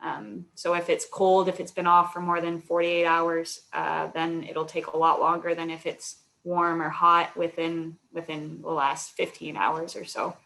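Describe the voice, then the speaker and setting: Woman, alumna guest speaker, webinar answers, measured explanations, low pitch, monotone delivery. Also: creaky. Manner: explanatory, measured, frequent fillers. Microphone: video call.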